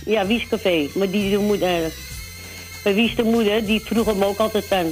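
A man's voice: sits high, steady tone, moderate pace, soft background music. A man, calling in to a radio show over the phone, chatting casually and rambling as he loses his thread. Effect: voice over a phone line.

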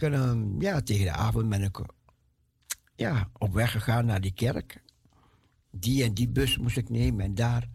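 A man tells a personal story in a lively, sing-song way, with his pitch rising and falling widely and his voice carrying a gravelly edge. He talks slowly and leans on repeated words for emphasis, and he acts out the other people in his story. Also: dry recording. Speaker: speaker giving a personal testimony. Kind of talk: animated storytelling.

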